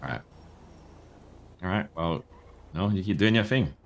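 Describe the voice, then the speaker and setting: A man's voice: low-pitched, expressive, measured pace. A man role-playing a gang boss in a streamed game, talking bluntly and with authority. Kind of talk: improvised in-character role-play chat. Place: indoor streaming room.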